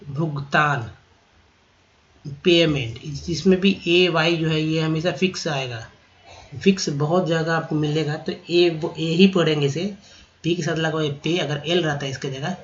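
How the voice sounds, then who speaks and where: A male teacher spells out English vocabulary letter by letter and repeats each word several times. His voice sits a little high and he talks at a very unhurried pace. The recording is dull and lo-fi. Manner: spells words letter by letter, repeats them slowly; explains pronunciation rules patiently, asks and answers own questions. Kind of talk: slow spelling-out lesson.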